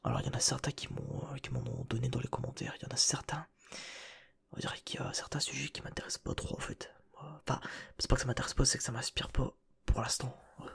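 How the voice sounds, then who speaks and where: This ASMR host's whisper is medium-pitched, husky and creaky, with a fairly bright tone that stays steady while he talks quickly. He rambles casually and addresses the listener directly, captured on a close binaural mic as if at their ear.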